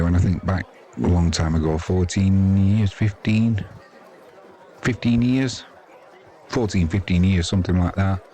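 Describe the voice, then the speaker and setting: An older British man, 50s or older, delivers casual ball-by-ball cricket commentary, chatty, rambling and colloquial. His voice is low-pitched and mellow, and crowd noise sits behind it in the recording.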